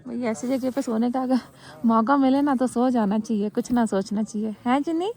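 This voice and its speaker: A woman's voice: fairly high pitch, normal speed, darkish tone. A young woman vlogging on a mountain summit, talking casually and cheerfully to her phone camera and teasing her friends. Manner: chatty, upbeat, teasing friends. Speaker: travel vlogger. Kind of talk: casual vlog narration outdoors. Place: windy mountain summit outdoors. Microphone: handheld phone camera.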